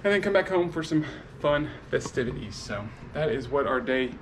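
A man's voice: mid-range voice, lively intonation, moderate pace, slight background noise, low-quality recording. Chatty man in his thirties vlogging. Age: 30s. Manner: easygoing, chatty, talks straight to camera. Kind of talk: casual vlog narration. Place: apartment living room and kitchen, then restaurant and brewery. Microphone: handheld camera at arm's length.

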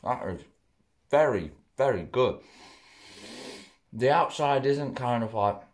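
A man's voice: medium pitch, animated, slow. A young man, chatting casually as he reviews food at home, talking through bites. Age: young adult. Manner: chatty, rambling, mouth often full while chewing. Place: living room at home, indoors. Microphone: camera close in front.

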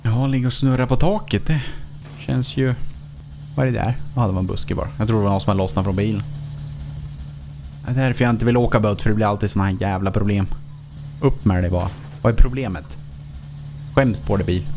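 A man's voice: lowish voice, long pauses, darkish tone, a little hiss or hum. A man giving casual let's play commentary as a gaming YouTuber, chatting to himself with frequent swearing and chuckles.

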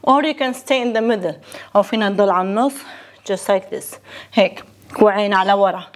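A woman's voice: mid-range voice, normal speed. A young woman with a Lebanese accent, a native Arabic speaker, giving bilingual workout instruction in short imperative cues as she exercises. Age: young adult. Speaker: fitness instructor. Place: living room at home, indoors.

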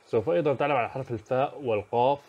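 Fast-talking man giving a lesson overview. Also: medium pitch, darkish tone, muffled recording. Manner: brisk, listing topics with fillers and self-corrections. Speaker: teacher.

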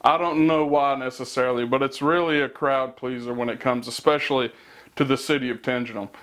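A man commentating over his gameplay footage, lively and incredulous. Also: mid-range voice, fairly quick. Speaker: gaming channel host.

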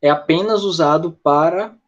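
A Brazilian man with a slightly high voice teaches an English lesson over a video call, explaining things step by step and answering students by name. The audio is dull and lo-fi. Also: normal speed. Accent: Brazilian Portuguese. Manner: explanatory, talks with students by name and reads the chat. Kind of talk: online class lecture.

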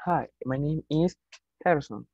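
Slow, hesitant man student. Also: a little high, vocal fry, no room sound, muffled recording. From El Salvador. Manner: hesitant, with pauses. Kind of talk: reading a short self-introduction.

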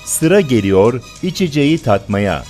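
Male news-feature narrator, medium pitch, scripted delivery, music clearly underneath. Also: sing-song, unhurried. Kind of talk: scripted event report narration. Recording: voice-over with clear music behind.

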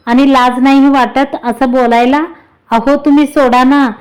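A woman's voice: high voice, level tone, measured pace, darkish tone, clean tone. A woman voicing an emotional, easily flustered young bride in a read-aloud story. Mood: scolding. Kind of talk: storybook reading.

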